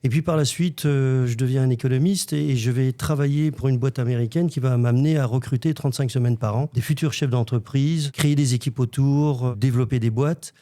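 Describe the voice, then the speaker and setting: Warm-voiced male coach telling his story. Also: medium pitch, fairly even intonation. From grew up in Africa. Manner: measured storytelling, builds points in lists. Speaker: guest, leadership coach. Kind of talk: interview answers.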